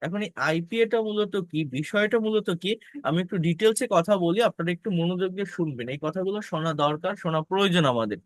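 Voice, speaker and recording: A man's voice: high-pitched, quick pace, dry recording. A man teaching an English pronunciation lesson, explaining patiently, repeating key points and speaking directly to his viewers. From Bangladesh.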